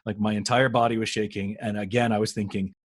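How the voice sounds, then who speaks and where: Husky-voiced man telling a story. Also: lowish voice, fast talker, dry recording. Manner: animated storyteller who acts out quoted dialogue. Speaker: podcast co-host. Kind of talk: casual chat.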